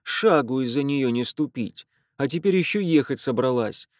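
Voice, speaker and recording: A man's voice: mid-range voice, expressive, moderate pace, no echo, clean studio sound, natural voice. A man reading aloud voices an irritable young man complaining about his pestering younger sister. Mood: exasperated. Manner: grumbling, exasperated. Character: irritable young man, exasperated older brother.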